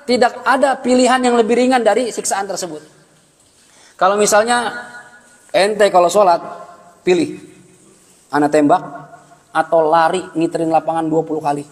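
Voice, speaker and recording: A man teaching an Islamic study class, lively and joking, with slangy asides and acted-out bits of dialogue. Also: high voice, big-room sound. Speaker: religious teacher.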